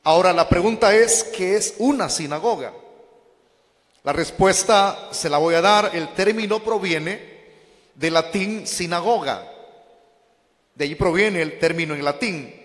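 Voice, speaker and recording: A man's voice: high-pitched, unhurried, a bit bright, in a large hall. A man preaching a teaching sermon, calling his listeners brothers and posing questions he then answers himself.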